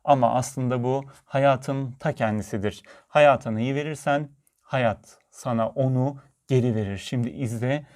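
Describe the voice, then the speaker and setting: A man voicing a calm, wise father, gently and slowly explaining a life lesson to his daughter. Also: mid-range voice, close to an everyday voice. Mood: soothing.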